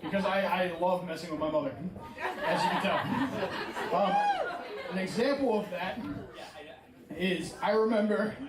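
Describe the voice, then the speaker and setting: Higher-voiced male stand-up comic. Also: moderate pace, long pauses, very noisy. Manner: self-deprecating and conversational. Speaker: stand-up comedian. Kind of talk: stand-up storytelling. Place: stage before a live audience. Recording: echoey room with a far-off mic and a laughing crowd.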